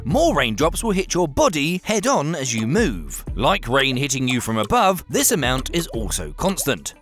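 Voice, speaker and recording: A man's voice: mid-range voice, a bit bright. A middle-aged man narrating a science explainer in a wry, conversational, scripted way.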